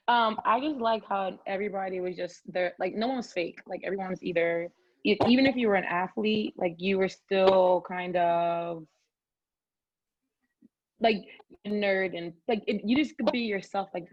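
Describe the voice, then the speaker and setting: A woman's voice: mid-range voice, normal speed, dull audio. A woman in her late twenties, an alumna guest, talking in a teasing, easygoing way. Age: late 20s. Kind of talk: casual chat interview.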